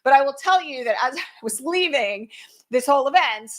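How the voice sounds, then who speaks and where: A middle-aged woman hosting an online broadcast, telling a story in a casual, animated way with lots of fillers. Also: sits high, fairly quick. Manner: animated, heavy use of fillers like "like" and "um"; voice rises sharply when quoting shouted words. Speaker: host.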